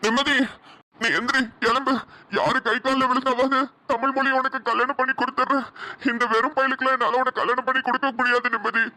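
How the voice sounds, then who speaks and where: Actor voicing worried cartoon father, fast and bright. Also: high voice, little pitch movement. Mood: bewildered. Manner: fast, urgent. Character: worried father, bewildered and pleading. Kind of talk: cartoon voice acting.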